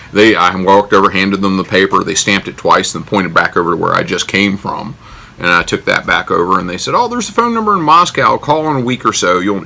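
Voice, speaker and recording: An American man with a low, gravelly voice recounts a personal story in a casual, wry way. His tone is bright and forward, and he pokes fun at himself as he goes. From United States. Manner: wry, self-deprecating, joking.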